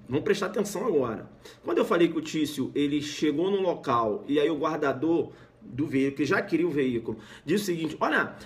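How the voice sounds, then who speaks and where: A male law teacher with a Brazilian Portuguese accent lectures on a live stream. His voice sits fairly high and swings widely in pitch. He often stops to check that his listeners follow, and he sometimes acts out short scenes. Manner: animated, keeps checking understanding, acts out scenes.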